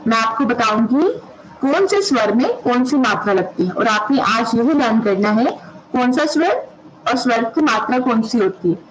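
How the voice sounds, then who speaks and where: A woman's voice: on the high side, animated, normal speed, background noise. A woman kindergarten teacher giving an online class, drawing out each syllable patiently for small children.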